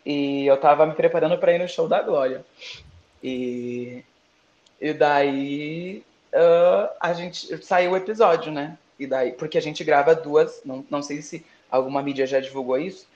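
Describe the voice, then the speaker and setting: Drag queen guest, man, campy and playful, slightly high voice, echoey dull recording. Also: measured pace, a little mellow. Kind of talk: casual interview chat. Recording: roomy, dull lo-fi sound.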